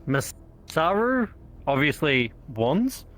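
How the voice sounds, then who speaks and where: A man's voice: on the high side, big pitch swings, slow pace, fairly bright tone. A man giving players a matter-of-fact setup for their next role-play scene. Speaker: scene organizer.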